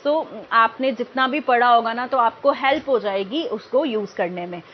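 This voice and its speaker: Woman grammar tutor, higher voice, patient and methodical, faint room noise. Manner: explains in Hindi mixed with English, often checks in with "ठीक है"; slow, careful reading of example phrases. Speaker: English grammar teacher. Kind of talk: explanatory grammar lesson for exam aspirants. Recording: dull lo-fi home recording, faint background noise.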